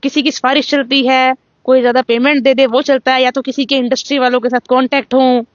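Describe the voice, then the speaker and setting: A young woman from Jammu, a singer being interviewed, telling her story in a lively way and acting out what the judges said. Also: high voice, quick pace, no echo, dull audio. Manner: animated storytelling, acts out quoted judges. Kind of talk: casual interview.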